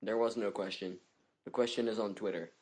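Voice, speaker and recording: A man's voice: on the low side, steady tone, brisk. An American man co-hosting a casual gaming chat, joking around and laughing a lot. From United States. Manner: jokey, laughs a lot, goofy asides. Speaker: podcast co-host.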